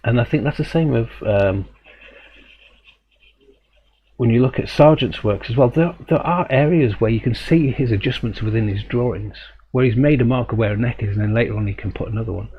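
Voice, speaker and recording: A man's voice: medium pitch, a little fast. A man teaching a live drawing stream, talking thoughtfully and rambling a little, often correcting himself and chuckling. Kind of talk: live drawing demo and chat. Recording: dull lo-fi stream audio with faint hum.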